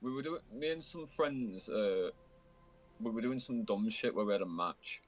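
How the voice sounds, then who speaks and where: A man's voice: on the low side, normal speed. A young man streaming, casually telling gaming stories and acting out his friends' lines. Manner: storytelling, acts out friends' lines.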